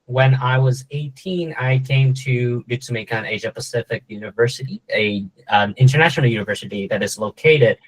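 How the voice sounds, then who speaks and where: A young Vietnamese man in his twenties, a startup co-founder appearing as a guest speaker, gives students a casual, jokey presentation full of fillers and restarts. His voice is medium-pitched and fairly quick, and the recording is rough.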